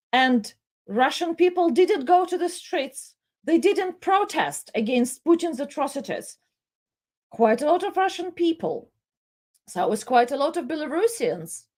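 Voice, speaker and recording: Woman presenter, kinda high voice, slow and emotional, keeps stopping and repeating herself. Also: a little mellow. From Soviet Union. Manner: emotional, halting, repeats words. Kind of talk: impassioned live commentary.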